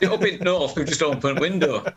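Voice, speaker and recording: A man's voice: a little high, fairly quick, a crowd in the background, low-quality recording. A man, a tabletop game player musing thoughtfully in casual chat and restarting his thoughts.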